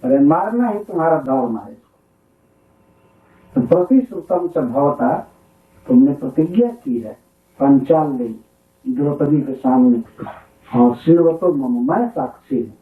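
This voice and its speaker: A man giving a scripture talk as a spiritual teacher, telling stories from his own village, often chuckling and reciting Sanskrit verses. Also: a little high. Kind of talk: sermon-style storytelling. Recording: echoey hall, distant phone-like lo-fi 1996 tape.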